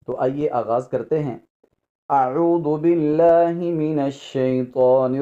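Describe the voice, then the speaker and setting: A man leads a step-by-step recitation lesson, drawing out each sound so learners can follow. His voice is mellow and relaxed. The recording sounds a little dull and lo-fi. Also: mid-range voice. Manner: slow, drawn-out spelling of sounds for learners. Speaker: Quran recitation teacher.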